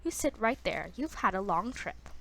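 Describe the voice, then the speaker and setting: A woman's voice: mid-range voice, sing-song, normal speed, a bit bright, a little hiss or hum, rough recording. A woman voicing a doting, bossy older grandmother in an attempted Irish accent.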